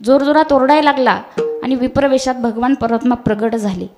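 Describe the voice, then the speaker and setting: Woman kirtan preacher, high voice, direct storytelling to a village audience. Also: steady tone, fairly quick, over music. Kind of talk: devotional sermon.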